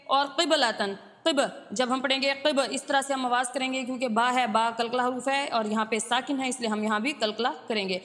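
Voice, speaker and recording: A woman teaching a tajweed lesson who recites Arabic verses slowly and drawn out, then explains the rules in brisk, steady speech. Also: on the high side, long reverb tail. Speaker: Quran teacher.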